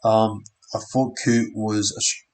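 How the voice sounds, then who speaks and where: Slow, low-voiced man calling a match. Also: little pitch movement, darkish tone. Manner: unsure, self-correcting, frequent restarts and fillers. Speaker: live stream commentator. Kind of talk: casual live match commentary.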